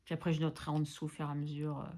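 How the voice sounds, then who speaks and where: French woman, budgeting vlogger, low gravelly voice, chatty and self-teasing, faint background hiss. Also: monotone, rapid-fire, dark tone. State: coughing, a bit ill. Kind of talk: casual chatty voice-over while doing crafts.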